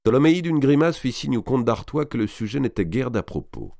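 A man narrating a historical novel in a measured, dramatic storytelling manner. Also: medium pitch, very animated, gravelly, mellow, no echo, studio quality. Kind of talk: audiobook reading of a historical novel.

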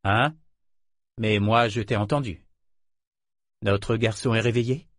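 A man's voice: lowish voice, slow, a bit bright, dry recording, studio quality. A man reading a novel aloud voices a curt, commanding ship captain who speaks with impatience. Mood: brooding. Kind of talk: audiobook character voice.

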